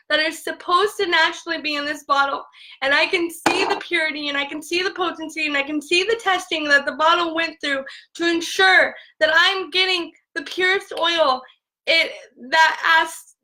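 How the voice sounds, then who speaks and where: Young woman, high voice, bright tone, rambling live-stream rant, phone mic. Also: poor audio. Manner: filler-heavy, repeats "like" constantly. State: tearful at times. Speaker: essential oils seller.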